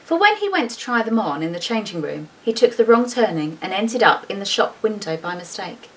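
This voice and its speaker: A teacher's mid-range voice takes on a sing-song quality as she reads to children a little fast. She reads the storybook expressively and drops in casual, chatty asides while showing its pictures, heard through a distant microphone with faint noise in the background.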